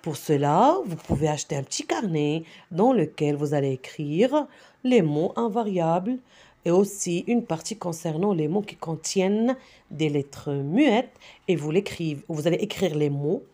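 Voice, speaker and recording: A woman's voice: fairly low pitch, dark tone. A middle-aged woman teaching a primary spelling lesson with patience, checking in often with the class and with parents. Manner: patient, repeats "d'accord?".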